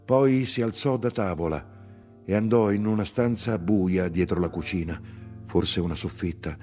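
A man narrating a novel aloud in an expressive literary reading style. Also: deep voice, unhurried, soft background music. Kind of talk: audiobook reading.

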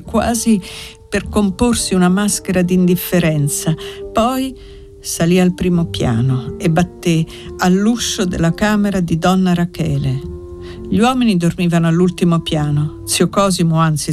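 A woman reading a novel aloud as the narrator, in a measured, unhurried, dramatic way. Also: on the low side, a little mellow.

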